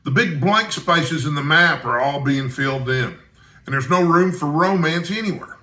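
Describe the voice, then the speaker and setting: A man's voice: a little high, normal speed, pushed and bright, reverberant. A man voicing a kindly, shrewd older Scottish news editor from a storybook, with a wry, expansive manner. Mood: wry, musing.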